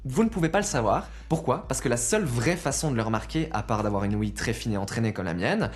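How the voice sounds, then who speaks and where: A fast-talking man with a mid-range voice and lively intonation delivers an opinionated consumer rant to his viewers. The video presenter sounds exasperated and emphatic, keeping it conversational and packed with rhetorical questions.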